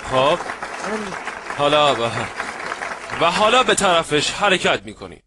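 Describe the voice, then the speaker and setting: A man giving an animated seminar lecture on networking, acting out little scenes and checking that his audience follows. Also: fairly high pitch, a crowd in the background, noisy background. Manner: lively, acts out little scenes, asks the audience if they follow. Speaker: networking trainer.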